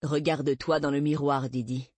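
A woman voicing a wry, steady male police detective, read in a dry, calm, patient manner. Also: low-pitched, normal speed, slightly rough, dry recording.

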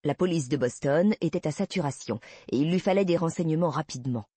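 A woman narrating a first-person novel, measured and soft at the ends of phrases. Her voice is slightly breathy and the recording is dry and close. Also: low-pitched, no echo. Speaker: audiobook narrator.

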